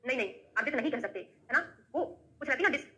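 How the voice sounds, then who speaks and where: A woman's voice: sits high, lively intonation, fast, bright, forceful tone, low-quality recording. A woman teaching a classroom lecture on Ayurveda, reciting Sanskrit verses and quizzing students with frequent tag questions.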